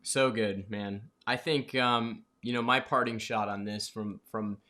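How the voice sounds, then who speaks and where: A man's voice: fairly low pitch, fairly even intonation, unhurried, bright, forceful tone. A man hosting a business podcast interview, wrapping up with earnest coaching advice.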